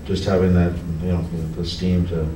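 A middle-aged man, a hockey coach, answering reporters at a post-game press conference, halting with many restarts and fillers. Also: low-pitched, level tone. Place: press room in front of a team backdrop. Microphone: table mic on a stand, heard from a camera farther off. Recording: echoey room, distant camera, background noise.

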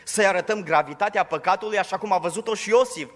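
A pastor preaching a sermon in church, emphatic, raising his voice on scripture verses. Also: sits high. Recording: long reverb of a church hall.

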